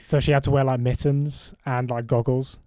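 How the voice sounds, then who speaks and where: A young adult man, a comedian co-hosting a podcast, riffing on absurd ideas in a deadpan casual way. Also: mid-range voice, normal speed, smooth, no echo.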